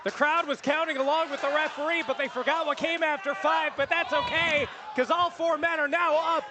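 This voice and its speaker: A man working as a wrestling commentator, calling the live action loudly and emphatically. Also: extremely high pitch, steady tone, a little fast. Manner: loud, emphatic calls. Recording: noisy venue with loud crowd. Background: crowd.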